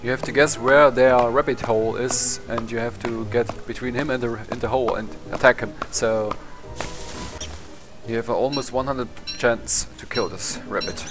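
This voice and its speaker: This is laid-back let's play commentary from a young man who speaks English with a German accent as a non-native speaker. His medium-pitched voice holds a steady tone at a moderate pace while he rambles, swears and laughs at his own play over game music.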